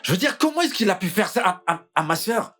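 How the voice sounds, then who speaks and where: A man's voice: high voice, very animated, fairly quick, a bit bright, faint music behind, full character voice. A man voicing a defiant young brother who vows his family will not let it go, in a dubbed film drama. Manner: defiant, vengeful. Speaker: brother of the wronged sister.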